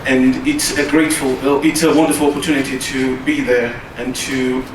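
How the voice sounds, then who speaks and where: A man who is a native Portuguese speaker gives a formal conference presentation, measured and pausing often with "uh". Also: mid-range voice, flat delivery. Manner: measured, with frequent hesitations. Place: conference hall. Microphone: distant from the recorder. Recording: roomy, distant hall recording with noise.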